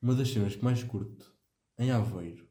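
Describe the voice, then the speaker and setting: A young man with a European Portuguese accent speaks informally to his friends on a podcast. His voice is on the low side and relaxed in tone, heard in a very roomy space. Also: moderate pace. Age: young adult. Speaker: podcast co-host. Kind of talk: casual chat among friends. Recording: roomy, echoing room sound.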